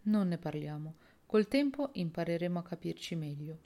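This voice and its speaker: A frail bedridden woman, as a woman reader puts her on, speaks softly and pleadingly. The voice is low with a gravelly texture, in a spoken storybook. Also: expressive, moderate pace.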